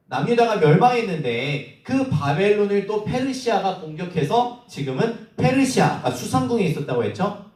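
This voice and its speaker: A man's voice: sits high, a little mellow, far from the mic. A man giving a children's sermon in church, asking the kids questions and acting out the quoted lines. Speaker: children's ministry preacher. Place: church hall. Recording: roomy echo, from the mic.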